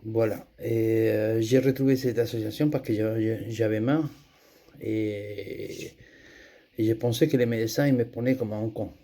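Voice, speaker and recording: Spanish-accented man, middle-aged, hesitant testimony, slow, dark mellow voice. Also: fairly low pitch, steady tone. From Andalusia, Spain. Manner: hesitant, many fillers and restarts. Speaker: testimony giver. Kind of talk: personal spoken testimony.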